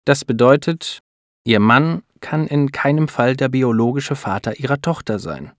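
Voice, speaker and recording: A man's voice: medium pitch, a little slow, no room sound, studio quality, voice pushed up, lightly acted. A man voicing a serious female lab doctor who speaks earnestly and hesitates over bad news. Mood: hesitant serious.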